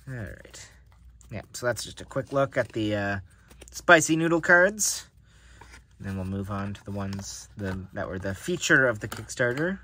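Handling a fresh deck at a table indoors, a card collector muses to himself in a casual unboxing narration. His lowish voice is animated and sharp-toned, with a slightly slow delivery.

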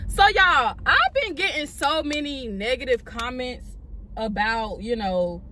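A young woman, ranting in casual chat to her vlog viewers in an animated, sassy way. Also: high voice, a little slow. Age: 20s. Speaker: vlogger. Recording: street traffic noise behind.

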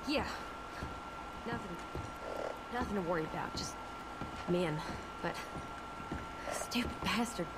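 A woman's voice: fairly low pitch, slow, pauses often, very noisy. An actress playing a tough, dismissive Old West outlaw woman with clipped speech in a video game. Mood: bitter. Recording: game audio, loud ambience, slightly distant.

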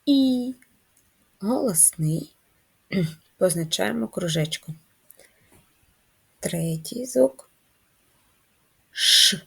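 A woman teaching a first-grade literacy lesson, speaking in a slow, drawn-out, sing-song teacher manner. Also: fairly low pitch, creaky, warm tone, slightly rough. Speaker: primary school teacher.

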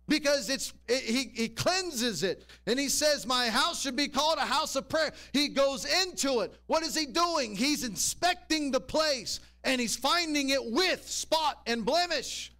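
A man's voice: very high-pitched, lively intonation, moderate pace, sharp tone. A man preaching a sermon in a church, walking the congregation through scripture and checking in with rhetorical questions. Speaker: pastor.

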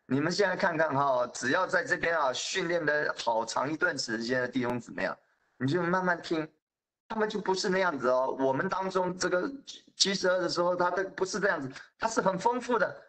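A man in his fifties preaching a sermon, telling the story in a lively way with acted-out quotes. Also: fairly high pitch, fairly quick.

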